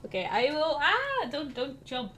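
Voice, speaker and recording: A woman's voice: high-pitched, wildly swooping pitch, unhurried, bright, forceful tone, faint music behind. A bubbly woman co-hosting a podcast, chatting casually and reading a creepy story aloud. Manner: bubbly, cooing over her pets. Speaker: podcast co-host and story reader.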